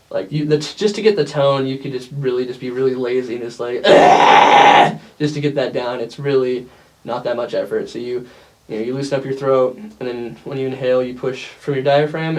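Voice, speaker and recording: A man who sings in a band, explaining a vocal technique in an informal, loose and halting way, as in a casual lesson. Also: medium pitch, darkish tone, rough recording. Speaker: metal band vocalist giving a tutorial. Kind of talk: casual instructional chat.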